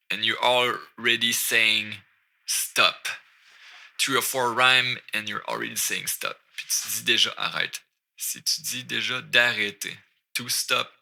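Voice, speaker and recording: A man's voice: medium pitch, vocal fry, sharp tone. A man with a Québécois accent teaching French, explaining lyrics line by line and switching between French and English. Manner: mixes French and English, repeats words slowly.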